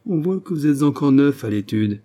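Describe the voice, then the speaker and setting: A man voicing a lively, carefree young poet who talks with enthusiasm. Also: mid-range voice, moderate pace, pitched above the performer's own voice, close to an everyday voice. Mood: mocking, ardent. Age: young adult. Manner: enthusiastic, raised voice.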